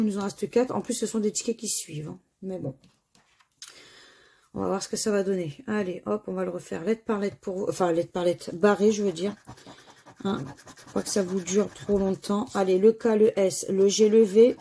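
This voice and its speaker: A woman's voice: mid-range voice, warm tone, breathy edge. A woman talking casually to her viewers while scratching crossword lottery tickets, spelling out letters one by one and sighing over the losses. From France. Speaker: scratch-card vlogger.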